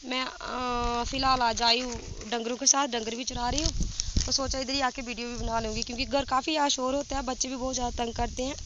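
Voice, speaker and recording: A woman teaching simple English sentences outdoors, reading each sentence and then saying it slowly in English. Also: a little high, flat delivery, lo-fi sound. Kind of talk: casual spoken English lesson. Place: outdoors in windy fields while grazing cattle. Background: wind and rural outdoor sounds.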